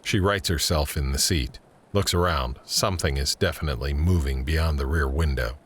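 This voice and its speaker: Setting each moment of an audio drama, a storyteller with an extremely deep male voice reads the scripted scene headings and action aloud. He moves at a moderate pace over background noise.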